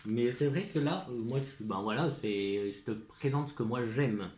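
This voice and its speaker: A man with a French accent talks casually to his viewers, stumbling through fillers and restarts. He turns eager when he praises things he likes, and his voice sits at an ordinary middle pitch. The room around him is echoey. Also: moderate pace, darkish tone, a little hiss or hum. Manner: hesitant, full of fillers and restarts; enthusiastic, repeats praise. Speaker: vlogger presenting gift ideas. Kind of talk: casual chat to camera.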